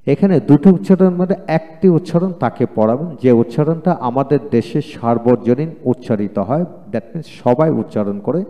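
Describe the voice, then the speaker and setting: A man's voice: medium pitch, mellow. A man with a Bengali accent giving an English lesson, spelling words out letter by letter, repeating each one twice, and encouraging the viewers he calls friends. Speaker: English teacher. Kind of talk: lecture. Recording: long hall reverb.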